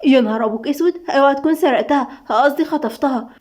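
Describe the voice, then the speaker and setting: A woman with an Egyptian accent voicing a lively, dramatic young wife who exclaims quickly and theatrically. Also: high voice, close to an everyday voice. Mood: teasing. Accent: Egyptian Arabic. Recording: dull lo-fi recording.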